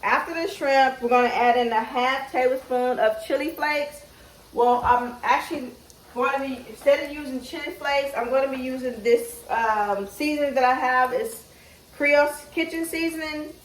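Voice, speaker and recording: Woman w braces doing a laid-back cooking vlog, kinda thinking out loud, echoey room w faint noise. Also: sits high, normal speed. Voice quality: speaking with braces. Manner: informal, thinking aloud. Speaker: home cooking vlogger. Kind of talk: casual cooking demonstration. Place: home kitchen. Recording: roomy, distant mic, faint noise.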